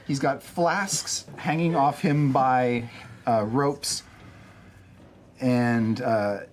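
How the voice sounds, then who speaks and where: A man in a tabletop game describing a creature slowly, with halting fillers. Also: mid-range voice, a little hiss or hum. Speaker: player and narrator.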